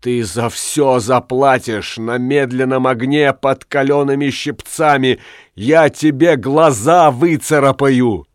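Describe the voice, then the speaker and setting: A man's voice: medium pitch, slow pace, smooth, no room sound, studio quality, close to an everyday voice. A man voicing a grieving village mother screaming for revenge in a storybook reading. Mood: vengeful. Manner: screaming, frenzied.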